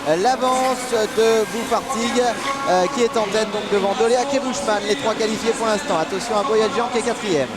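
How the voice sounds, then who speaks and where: A man's voice: sits high, moderate pace, over loud music. A man giving live play-by-play motorsport commentary, announcing race positions in urgent running bursts.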